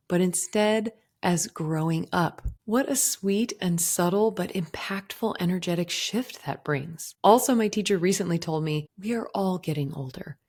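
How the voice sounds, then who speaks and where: A woman in her forties, a podcast host, sharing a gentle, earnest personal reflection. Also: fairly low pitch. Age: 40s. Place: indoors.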